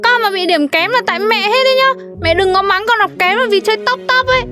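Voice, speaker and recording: A squeaky, fast-talking cartoon kid. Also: female voice, music in the background. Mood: whiny. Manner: pleading and cheeky. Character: young school kid, whiny and chatty. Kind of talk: cartoon voice acting.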